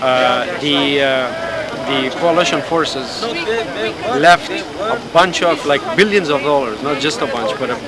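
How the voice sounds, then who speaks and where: A middle-aged man from Afghanistan, interviewed outdoors, speaking haltingly with many restarts and fillers. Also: mid-range voice. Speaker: hunger striker being interviewed. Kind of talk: street interview. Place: outdoors in a busy public area. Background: crowd noise.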